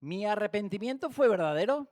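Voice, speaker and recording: A man with an accent from Spain leads a church Bible study in a fairly high voice. He talks animatedly, firing rhetorical questions and acting out small everyday scenes to make his point. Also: lively intonation, fairly quick, darkish tone. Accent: Spain Spanish. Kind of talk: church teaching talk. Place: church hall.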